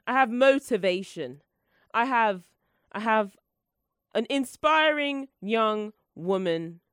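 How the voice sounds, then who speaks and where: A young woman hosts her own solo podcast, her mid-range, slightly bright voice congested with the flu. She rambles playfully and pokes fun at herself. The recording is clean studio sound with no room noise.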